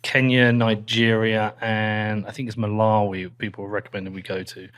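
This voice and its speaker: A man's voice: fairly low pitch, flat delivery, normal speed, fairly bright tone, clean tone. A man, hosting a casual interview, who talks bluntly, swears casually and keeps asking curious questions. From England. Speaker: podcast host.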